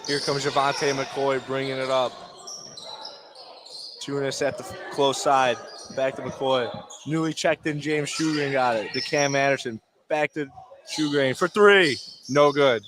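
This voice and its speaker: A man calls a high school basketball game live on radio from an indoor gym, speaking in short, clipped, terse phrases. His voice is on the high side, with fairly even intonation and an unhurried pace, and the gym's background noise comes through clearly.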